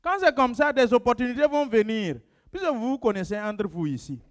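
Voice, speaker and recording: A man preaching a sermon as pastor of his church, emphatic and repetitive, often acting out members of his congregation in a lowered voice. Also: expressive, fairly quick. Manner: emphatic, repeats phrases for stress.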